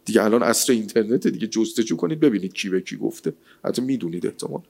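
A man giving a lively, colloquial sermon, asking rhetorical questions and reciting scripture. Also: fairly low pitch, creaky. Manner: rhetorical, animated, quotes scripture. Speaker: religious speaker.

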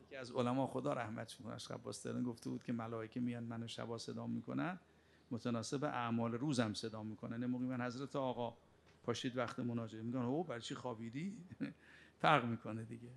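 A man delivers a sermon in a gravelly, fry-edged voice. He presses his listeners with pointed rhetorical questions and scolds them. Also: mid-range voice, little pitch movement. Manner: rebuking, with sharp rhetorical questions. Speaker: preacher.

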